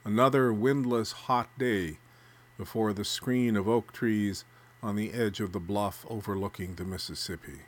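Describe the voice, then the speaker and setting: A man narrating a literary story, reading prose aloud with a measured, even delivery. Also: fairly low pitch.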